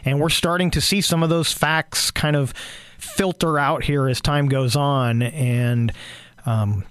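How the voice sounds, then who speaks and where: Hoarse man with halting political commentary. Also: a little high, steady tone, fairly bright tone, dry recording. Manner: halting, many fillers and restarts. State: losing his voice, clearing throat.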